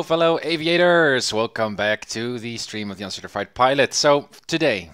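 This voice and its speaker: A man's voice: mid-range voice, a bit bright. A man hosting a livestream through a headset mic, English not his first language, eager and full of ums and restarts. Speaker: livestream host. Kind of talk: casual livestream commentary.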